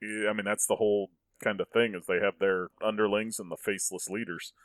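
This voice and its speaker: Low-voiced man in casual podcast chat. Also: steady tone, fairly quick, no room sound. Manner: earnest, builds arguments, frequent restarts. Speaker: podcast host.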